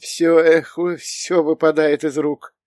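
A frail, lonely old woman from an audiobook, her voice a faint rustling whisper that trembles with tenderness, as a male narrator puts her on. She sits noticeably higher than a man's natural tone, recorded close and dry. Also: completely flat delivery, slow pace, a little mellow, no echo. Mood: tender. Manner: wistful, trembling.

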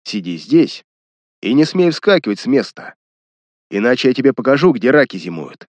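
A man's voice: mid-range voice, big pitch swings, normal speed, darkish tone, no room sound, lo-fi sound. A man voicing a sneering young villain. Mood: threatening. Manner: sneering, menacing. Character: cruel mocking young man, a scheming villain.

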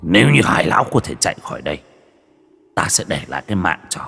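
A man's voice: low-pitched, sing-song, fast talker, creaky, a bit bright, breathy edge, heavily acted. A man voicing a vengeful village man who speaks in a cold, sneering, threatening way in an audio story. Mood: cold menace.

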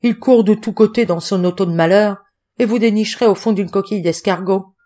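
A woman's voice: medium pitch, brisk, lightly acted. Woman putting on a whining hungover roadman. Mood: grumbling, complaining. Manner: whining, complaining, loud. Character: hungover grumbling middle-aged male roadman.

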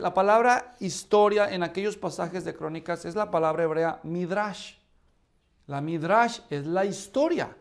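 A man teaching a church history class, asking his students questions and checking in with them often. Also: high-pitched. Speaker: Bible teacher.

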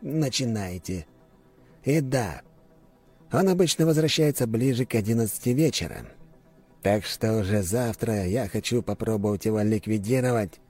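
A man's voice: fairly low pitch, moderate pace, darkish tone, soft background music, voice pushed up, natural voice. A man voicing a ruthless, scheming middle-aged duke in an audiobook, cold and commanding. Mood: decisive. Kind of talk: audiobook character voice.

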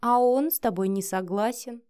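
A woman's voice: fairly high pitch, normal speed, warm tone, clean tone, close to an everyday voice. A woman reading the lines of a mocking, provocative young woman with sarcastic, playful taunts. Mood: taunting.

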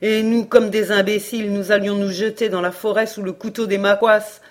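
A woman's voice: sits low, lively intonation, normal speed, darkish tone, breathy edge. Woman doing a blunt frontier hunter. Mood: alarmed. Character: tough frontier hunter man, blunt and practical.

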